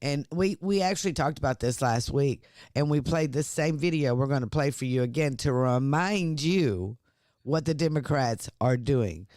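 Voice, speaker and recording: A man co-hosting a political talk podcast. He talks conversationally at a middle pitch, reading news items aloud between remarks. The recording is dry and close to the mic. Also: darkish tone, dry recording. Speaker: podcast co-host.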